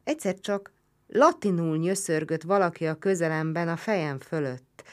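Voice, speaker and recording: A woman narrating a historical novel as an audiobook in a measured, grave storytelling manner. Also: on the low side, animated, darkish tone.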